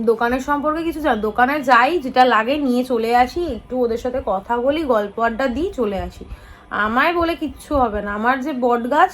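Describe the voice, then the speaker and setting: A woman in her thirties talking to her camera, scolding and answering critics with sarcastic indignation. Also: high-pitched. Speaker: family vlogger. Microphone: phone camera.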